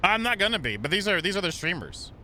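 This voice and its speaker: A man's voice: high-pitched, fast talker, a little hiss or hum. A man streaming a video game, chatting playfully and joking with his viewers. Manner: playful, jokey, animated. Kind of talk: casual gaming commentary.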